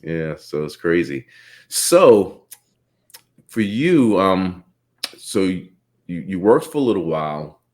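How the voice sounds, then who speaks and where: A man from the Bahamas hosting a casual interview, talking in a relaxed, rambling way and laughing often. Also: low voice, takes it slowly, pauses often. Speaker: podcast host.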